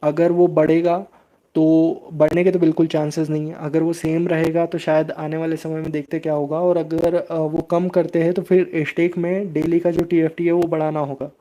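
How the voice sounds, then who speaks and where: A man's voice: a little high, little pitch movement, normal speed, dark tone. A man hosting a crypto channel, explaining steadily in a live stream and answering viewer chat, with frequent hesitation sounds.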